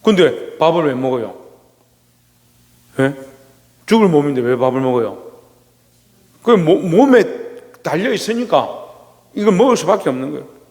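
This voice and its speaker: A man preaching a sermon as pastor. He keeps asking the congregation questions and answering them himself, and he swings between loud, rising exclamations and low asides. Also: animated, moderate pace, long pauses. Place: church sanctuary. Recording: long reverb of a church hall.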